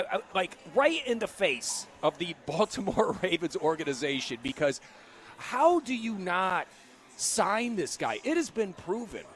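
A man co-hosting a sports talk radio show from a casino sportsbook, speaking in an enthusiastic, animated way. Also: on the high side.

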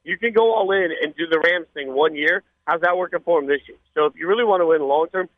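A man's voice: fairly high pitch, fast, no echo, narrow, tinny audio. A man appearing as a radio guest, telling casual anecdotes in a chatty, rambling way.

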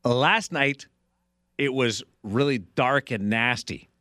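A man hosting a sports radio show, moving between casual talk and contest promo reads in a halting, self-correcting way. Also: medium pitch, bright, forceful tone, no echo, studio quality.

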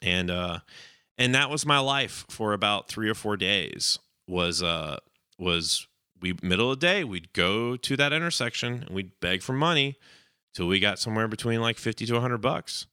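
A man's voice: animated, moderate pace, sharp tone, clear, resonant tone, no room sound, studio quality. A young man hosting a podcast, telling a long personal story in a rambling, casual way and acting out the people in it. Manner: rambling, acts out quoted voices with raised pitch.

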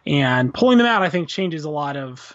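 A man's voice: fairly high pitch, sing-song, normal speed. A man in casual chat, giving his opinions and thinking aloud with restarts. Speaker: podcast co-host discussing a film and comic. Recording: dull lo-fi sound.

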